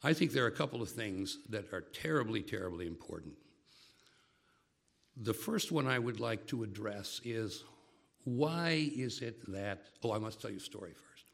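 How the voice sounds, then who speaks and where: An older man giving a lecture. He speaks in a measured way and breaks off into stories and asides. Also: fairly low pitch, expressive, vocal fry.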